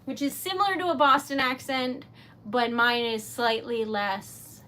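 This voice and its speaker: A New England woman with a Rhode Island accent hosts a casual craft livestream, chatting with viewers as she works, laughing often and rambling. Her voice is fairly high, steady, a little slow, bright and forceful, with slight background noise.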